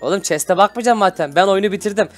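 A man's voice: high-pitched, quick pace, faint music behind. A young man hosting a casual Minecraft gameplay video, teasing and bossing his playmate, laughing often and turning to talk to his viewers. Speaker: gaming channel host.

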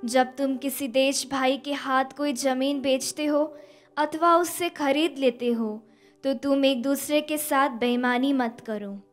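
A young woman reads scripture at a Mass lectern, her voice high and light, each phrase slow and even. Faint music plays softly behind her in the chapel. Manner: even, deliberate recitation of scripture and psalm. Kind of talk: slow, measured liturgical reading. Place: indoor studio chapel. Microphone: stand mic at a lectern.

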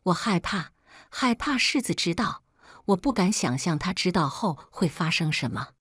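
Brief: woman storyteller, first-person narration, low voice with wide swings, bitter edge, dry close sound. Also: animated, normal speed, a bit bright, slightly rough, no echo.

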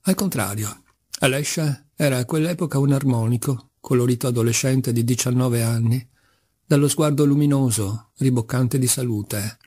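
A male audiobook narrator with a mellow, husky voice. He reads the literary text in a measured, deliberate way. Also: medium pitch. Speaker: audiobook reader.

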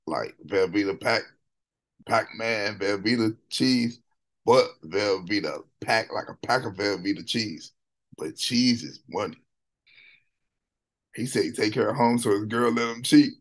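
This is a man with a slightly low voice giving relaxed reaction commentary on a song. He talks in a slangy, animated way and keeps circling back to quote the lyrics. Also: unhurried. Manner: loose, slangy and animated, often repeating song lines. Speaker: music reaction host.

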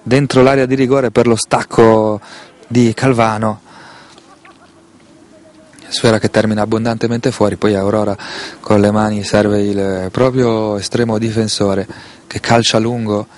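A man with an Italian accent giving live football play-by-play in a measured, detailed way, sometimes correcting himself. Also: lowish voice, steady tone, a little mellow. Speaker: football commentator. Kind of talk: live play-by-play match commentary.

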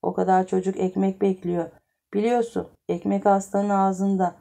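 A woman's voice: medium pitch, little pitch movement, moderate pace, gravelly, dark tone, close to an everyday voice. A woman voicing a desperate, newly fired male clerk who complains agitatedly in an audiobook story.

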